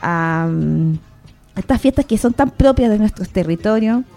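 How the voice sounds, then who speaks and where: A woman's voice: mid-range voice, lively intonation, measured pace, gravelly, mellow, soft background music. A woman hosting a radio show, chatting casually, thinking aloud with fillers and tag questions. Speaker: radio host. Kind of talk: casual radio talk introducing guests. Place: radio studio.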